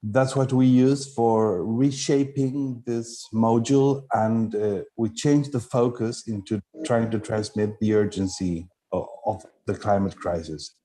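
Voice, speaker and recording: A man from Chile who teaches cooking, answering questions over a video call in a measured, thoughtful way with frequent fillers. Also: fairly low pitch, fairly even intonation, mellow. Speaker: culinary instructor. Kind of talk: online meetup interview.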